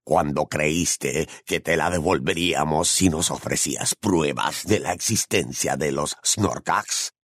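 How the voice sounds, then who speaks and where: A man voicing a cruel male Death Eater with a rough, gravelly, sneering voice in an audiobook. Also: rumbling low, a little slow, few pauses, a bit bright, no echo, studio quality, pitched below the performer's own voice, heavily acted. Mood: menacing. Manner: sneering, threatening. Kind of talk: audiobook narration.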